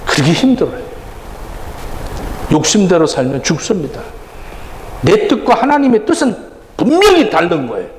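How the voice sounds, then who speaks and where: A man's voice: a little high, a little hiss or hum. A middle-aged male pastor preaching a sermon in a conversational way, sometimes acting out the people he quotes. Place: church sanctuary. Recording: roomy church hall reverb, faint ambience.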